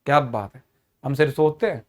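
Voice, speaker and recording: A man's voice: medium pitch, a little fast. A young man teaching an exam-prep lesson, mixing Hindi and English, explaining with energy and acting out the characters.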